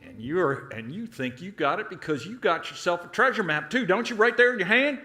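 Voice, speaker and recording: A man's voice: high voice, animated, a little fast, bright, forceful tone. A man playing Daryl, a folksy, suspicious treasure hunter in a children's skit, talking in exclamatory country slang. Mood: suspicious, boastful.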